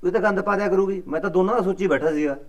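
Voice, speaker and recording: A man's voice: racing, lightly acted. A man playing a callous village son in a comedy drama, with a Malwai Punjabi accent, dismissive and grumbling. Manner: dismissive, grumbling, low muttering.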